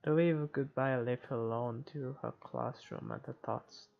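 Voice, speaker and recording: At a normal speed, a mid-range voice with vocal fry and fairly even intonation reads out a visual novel's narration, sometimes fumbling words and adding offhand comments. The playthrough is muffled, set against game music.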